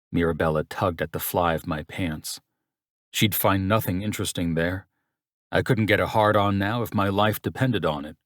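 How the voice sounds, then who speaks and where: A man's voice: fairly low pitch, no room sound, clean studio sound. A man narrating a first-person romance audiobook in a wry, sardonic tone.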